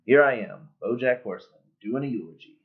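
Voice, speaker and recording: Brief: sardonic, bitter cartoon horse, a washed-up star, middle-aged male, deadpan jokes, read cold by a man, tinny webcam sound. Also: mid-range voice, fairly quick, close to an everyday voice. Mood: sardonic eulogy. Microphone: built-in computer webcam mic. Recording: tinny, phone-like webcam audio.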